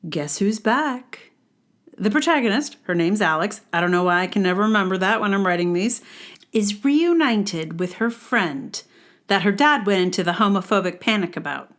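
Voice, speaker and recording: A woman podcast host reads her own book-review blog aloud in a medium-pitched, slightly bright voice. Her delivery is wry and sardonic, with exaggerated emphasis.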